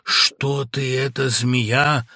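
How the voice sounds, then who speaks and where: A man's voice: mid-range voice, steady tone, drawn-out words, no echo, clean studio sound, full character voice. A man doing a stern, indignant merchant husband. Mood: outraged. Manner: stern, clipped, indignant shouting. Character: stern middle-aged merchant husband, menacing then outraged.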